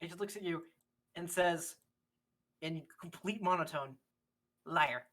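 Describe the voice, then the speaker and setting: A woman running a tabletop game as game master, dry and quick to laugh. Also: fairly low pitch.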